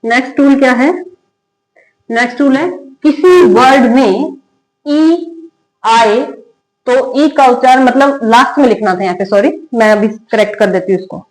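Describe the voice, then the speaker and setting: High-pitched lady teacher going over spelling rules, asks then answers herself, roomy echo. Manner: repeats questions and answers them herself, slow drilled word readings. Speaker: English teacher. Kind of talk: Hindi-medium spelling lesson at a board. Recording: echoey room.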